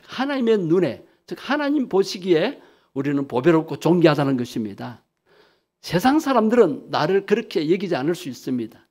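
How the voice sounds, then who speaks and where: A male pastor preaching a sermon emphatically, leading the congregation in repeating phrases. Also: high-pitched.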